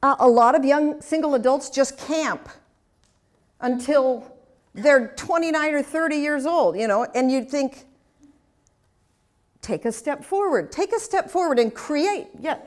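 A woman's voice: high-pitched, unhurried, long pauses. Chatty older woman teaching a class. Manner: chatty, anecdotal, with humorous asides. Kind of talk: interactive talk with audience questions.

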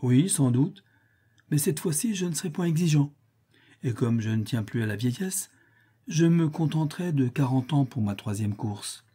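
A man reading aloud, voicing a sly old gambler who talks in a mocking, self-assured way, a little higher than his own voice. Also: lively intonation, normal speed, mellow, breathy edge.

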